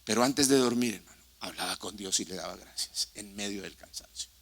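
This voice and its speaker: A man's voice: fairly low pitch, fairly quick, vocal fry, fairly bright tone. A male pastor preaching a sermon in a church sanctuary, impassioned and putting questions straight to the congregation.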